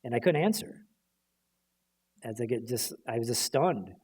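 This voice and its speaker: A man on a library stage, relaxed and chatty, telling a story to an audience. He acts out bits of dialogue as he talks. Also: medium pitch, moderate pace, breathy edge. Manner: animated anecdotal storytelling, acting out quotes.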